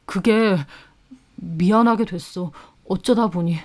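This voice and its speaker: A woman's voice: medium pitch, slow, darkish tone, natural voice. A woman voicing a cheating young man who stammers and hedges in a narrated story. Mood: sheepish. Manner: hesitant, mumbling, evasive.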